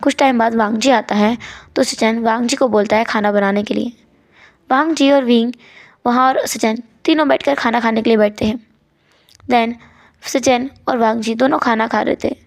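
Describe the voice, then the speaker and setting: A woman's voice: on the high side, steady tone, normal speed. A woman retelling a story in a chatty, casual way, mixing in English words.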